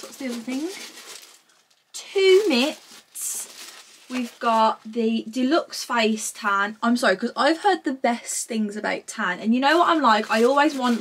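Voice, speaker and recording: A fairly high-pitched, husky voice belongs to this British vlogger in her twenties. She chats casually to camera in a gushing, informal way from a small indoor room at home.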